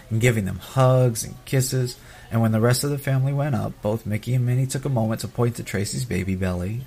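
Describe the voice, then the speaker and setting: A man's voice: medium pitch, gravelly, a little mellow, breathy edge. A middle-aged man telling personal stories as an audio host, in a casual, sentimental way. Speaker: podcast host narrating family trip memories.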